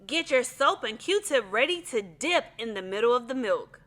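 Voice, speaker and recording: A woman hosting an educational kids' demonstration, talking in an excited, encouraging way to a young child, with exclamations. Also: fairly high pitch, moderate pace. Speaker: host of a family kids' science show. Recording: echoey room.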